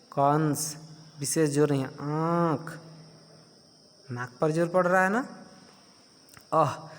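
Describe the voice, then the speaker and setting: Guy teaching kids grammar real slow, asks a question then answers it, voice a bit high, long reverb like a hall. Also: fairly bright tone. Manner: repeats questions and answers them himself; slow, patient explaining. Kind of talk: Hindi grammar lesson for children.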